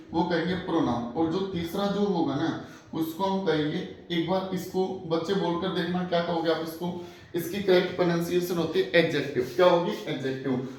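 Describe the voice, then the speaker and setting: A man with a fairly high voice teaches English grammar in Hindi. He repeats each term in a call-and-response rhythm, and asks the class to say it back. The recording is very echoey, with the mic set some way off in a classroom. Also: darkish tone. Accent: Haryanvi Hindi. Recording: very echoey room from far off.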